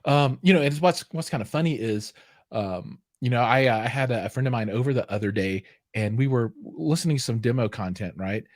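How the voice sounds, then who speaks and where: A man's voice: mid-range voice, brisk, no room sound, clean studio sound. Rambling middle-aged man, fillers galore. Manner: rambling, self-deprecating, many fillers and restarts. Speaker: host. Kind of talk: casual live-stream chat.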